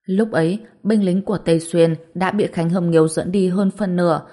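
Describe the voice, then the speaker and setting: A woman reading a serialized story as narrator, in a steady, even scripted delivery. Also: lowish voice, moderate pace.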